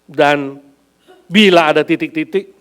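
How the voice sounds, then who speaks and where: A middle-aged man with an Indonesian accent, preaching a sermon as pastor, swinging from loud emphatic bursts to near whispers. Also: on the high side, unhurried, clear, resonant tone. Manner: animated preaching, rising loud then dropping to near whisper.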